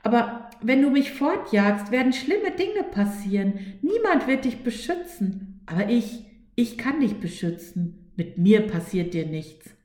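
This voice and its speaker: A woman voicing Fear as a clingy, panicky female figure who frets and quickly turns shrill. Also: very animated, a little mellow. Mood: clinging. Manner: fretful, quickly shrill and alarmed. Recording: echoey room.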